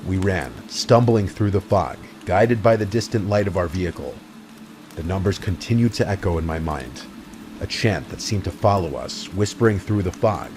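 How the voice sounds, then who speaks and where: A man narrating a horror story in a measured, brooding scripted delivery. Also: deep voice, animated, noisy background.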